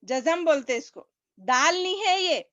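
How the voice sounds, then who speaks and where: Woman, high voice, patient online teacher, repeats sounds, dull call audio. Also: animated, pushed and bright, dry recording. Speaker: Quran recitation teacher. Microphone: video call.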